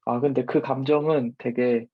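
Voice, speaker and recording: Husky dad rambling honestly about getting angry, slightly muffled recording. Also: male voice, medium pitch, steady tone, moderate pace, no echo. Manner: candid, rambling. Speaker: panelist father. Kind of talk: casual parenting talk.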